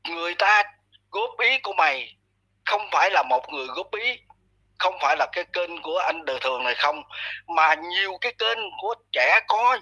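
A man's voice: a little high, bright, forceful tone, husky, rough recording. A man giving a blunt, scolding commentary monologue aimed at someone. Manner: blunt, scolding, addresses listener harshly. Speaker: online commentator.

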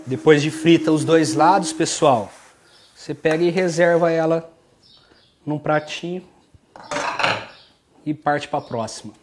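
A man's voice: fairly high pitch, measured pace, pauses often, loud music behind the voice. A man in his thirties with an interior São Paulo Brazilian accent, casually walking viewers through a recipe in a home kitchen. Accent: Brazilian Portuguese, São Paulo interior. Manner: relaxed, chatty, keeps addressing viewers. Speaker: cooking show host. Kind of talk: casual cooking demonstration. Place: home kitchen and outdoor street market.

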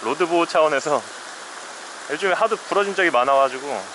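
Somewhat high-pitched, animated, and a little fast, a man narrates his solo fly fishing by a shallow mountain stream. He talks to himself in a casual, wry, weary manner, recorded on a head-mounted action camera with stream noise behind.

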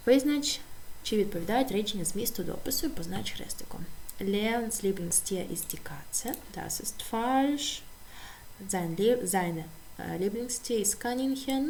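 A woman with a Ukrainian accent teaching German to pupils, reading textbook sentences slowly and translating them into Ukrainian. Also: mid-range voice, darkish tone, slight background noise. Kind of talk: slow textbook walkthrough for pupils.

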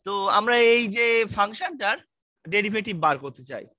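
A man's voice: high-pitched, sing-song, normal speed, bright, forceful tone, no echo. A man with a Bangladeshi Bengali accent teaching a university math lecture online, reassuring and quizzing his students. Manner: reassuring, asks students questions, mixes English terms. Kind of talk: online lecture, casual explaining.

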